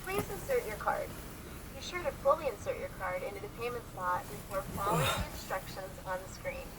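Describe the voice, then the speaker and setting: A woman's voice: medium pitch, sing-song, a little fast. A woman's prerecorded voice at a pay kiosk, giving polite instructions in prompts spliced together from separate clips. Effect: prerecorded prompts spliced together from a machine speaker. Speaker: car wash pay kiosk voice. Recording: kiosk speaker with loud noise around it.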